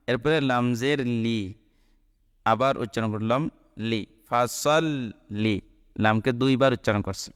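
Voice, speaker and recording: A man teaching how to recite a short Quran chapter, spelling out each letter and vowel mark before chanting the verse in long, drawn-out tones. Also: mid-range voice, a bit bright, clean tone. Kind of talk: slow recitation lesson. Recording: long echoing reverb.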